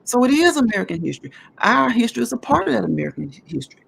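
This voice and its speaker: A woman's voice: a little high, very animated, racing, vocal fry, slight background noise. A woman in her forties talking at length in a casual discussion, earnest and emphatic as she explains her views. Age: 40s.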